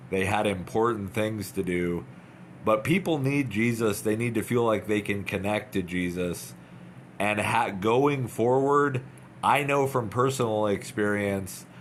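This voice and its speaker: Slow, earnest man urging, low voice. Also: slight background noise. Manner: earnest, urging, repetitive, halting. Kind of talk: informal devotional talk, unscripted.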